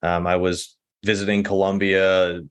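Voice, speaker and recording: Deep-voiced male guest from Texas, relaxed and reflective, quick to laugh. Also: clear, resonant tone. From Texas, United States. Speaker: podcast guest. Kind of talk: casual conversational interview.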